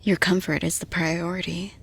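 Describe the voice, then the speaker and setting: In an intimate roleplay audio, a woman plays a composed, supportive female boss, addressing the listener softly in a measured, reassuring way. Her voice is on the low side and husky, with a level tone, and the mood is calm and reassuring.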